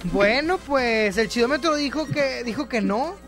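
High-voiced joking radio host. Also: male voice, animated, a little slow. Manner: teasing, joking, laughs often. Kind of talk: playful radio call-in banter. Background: music.

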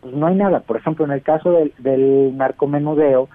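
A man's voice: on the high side, steady tone, fairly quick, no echo. A man with a Mexican accent, an expert guest giving analysis in a news interview. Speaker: expert guest, director of a civic observatory. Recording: dull, dry phone-like radio link.

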